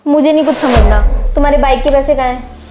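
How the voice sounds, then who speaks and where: An actress playing a spoiled young wife who talks in a sharp, bossy, complaining way. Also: female voice, high voice, fast talker, music in the background, close to an everyday voice. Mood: scornful. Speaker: daughter-in-law. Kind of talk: short film acting.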